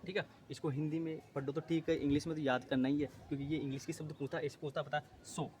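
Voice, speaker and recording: Guy teacher drilling farm terms, asks then answers himself, fairly high voice, bit of hiss behind. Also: little pitch movement, fast talker, darkish tone. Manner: repetitive, asks and answers own questions; drills terms, self-corrects often. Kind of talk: exam-prep lesson.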